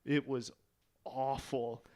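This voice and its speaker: A man co-hosting a podcast, chatting in a relaxed, amused way. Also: mid-range voice, slow pace. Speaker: podcast co-host. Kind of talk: casual chat.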